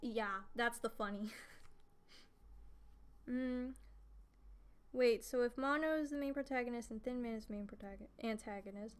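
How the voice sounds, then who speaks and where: Livestreaming from her bedroom, a teen girl rambles casually, full of giggles and filler words. She speaks at a fairly high pitch and normal speed, pausing often, with a clear, resonant tone captured on a streaming desk mic while game music plays faintly in the background.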